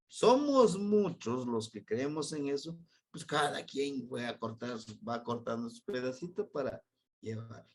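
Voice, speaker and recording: A man with a Mexican accent teaches a Nahuatl lesson in an unscripted, patient, explanatory way. His voice is darkish and husky, leaping high on key words.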